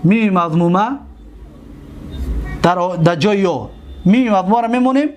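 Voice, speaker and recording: A man with a Tajik accent teaching a class, repeating terms and quizzing students with quick questions. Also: high-pitched, a little mellow, slight background noise. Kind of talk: classroom lecture.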